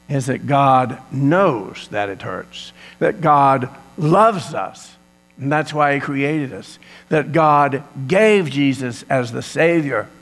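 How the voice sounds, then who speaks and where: A man's voice: on the high side, long reverb tail. A man preaching an Easter sermon, retelling the story with dramatic, swelling emphasis.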